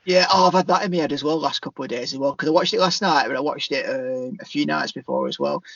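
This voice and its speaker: A man's voice: on the high side, fast, gravelly, fairly bright tone, dry recording, highs cut off. A man co-hosting a podcast, talking hesitantly about films and repeating himself. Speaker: podcast co-host. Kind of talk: casual film chat.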